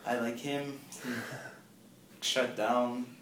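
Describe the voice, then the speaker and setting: A young man hosting a casual sports podcast, easygoing and quick to laugh at himself. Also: mid-range voice, little pitch movement, a bit bright. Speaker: podcast host. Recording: echoey room with faint ambient noise.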